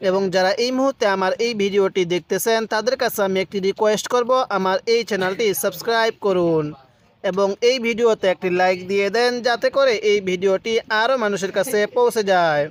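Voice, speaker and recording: A man's voice: high-pitched, a little fast. A man teaching a Quran reading lesson, patiently spelling out letters and syllables one by one. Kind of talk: step-by-step recitation lesson.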